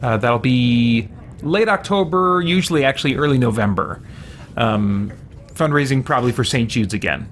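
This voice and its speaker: A man hosts a gaming let's play stream in a mid-range, animated voice at normal speed, chatting casually, musing aloud as he plays and answering viewer questions. Video game music plays behind him, with slight background noise.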